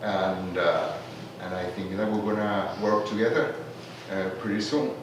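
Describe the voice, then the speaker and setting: Recorded at a distance in an echoey community meeting room with background noise, this Venezuelan-born tourism marketer gives a casual self-introduction. He's soft-spoken, his voice sits low, and he talks a little slowly. At first he hesitates with lots of "uh," then loosens up into laughing enthusiasm.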